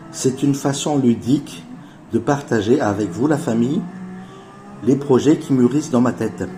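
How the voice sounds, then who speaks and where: A man in his forties giving an earnest, persuasive investment pitch as voice-over narration, addressing his viewers as family. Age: 40s. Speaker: channel host pitching an investment project.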